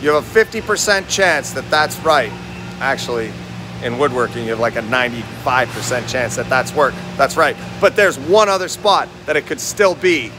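A man in his forties, a lean manufacturing consultant, walks through a large indoor factory warehouse holding his phone at arm's length in selfie framing, talking straight to viewers and quizzing them. His medium-pitched voice moves at normal speed over music.

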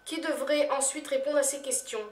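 A young woman answering questions in a casual vlog, hesitant, with many fillers and phrases that trail off softly. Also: high-pitched, steady tone, moderate pace. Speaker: YouTuber. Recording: echoey room, voice a little far from the mic.

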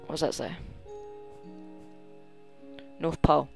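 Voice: medium pitch, slow, creaky, darkish tone, faint music behind. A gamer giving casual commentary while playing, rambling and thinking aloud, often trailing off mid-sentence. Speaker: let's play gamer.

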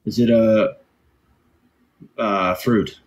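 A young livestream host runs a casual chat game on a phone camera in his bedroom, joking around playfully and cursing loosely. He speaks very slowly in a fairly low, fairly even voice, with a little hiss or hum.

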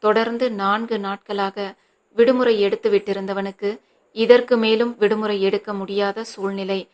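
Woman reading a novel, flat and measured. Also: mid-range voice. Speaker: audiobook narrator. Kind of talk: scripted novel narration.

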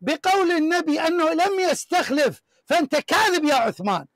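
A man's voice: very high-pitched, animated, a little fast, fairly bright tone, dry recording. A man hosting a heated religious debate, reading from books in an emphatic, repetitive, declaiming way. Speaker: show host debating a caller.

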